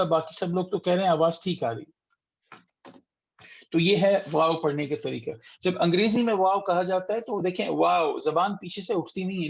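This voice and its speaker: A man teaching a Quran recitation class online, patiently sounding out letters slowly and repeating them for students. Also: high-pitched, creaky, muffled recording. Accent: Urdu-speaking. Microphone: computer mic on a video call.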